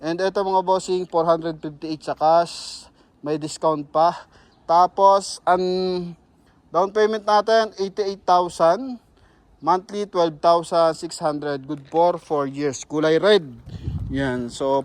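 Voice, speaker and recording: A man with a Filipino accent giving a casual walkaround sales pitch on a car lot, chatting to viewers and calling them "boss". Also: fairly even intonation, measured pace. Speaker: used car sales presenter.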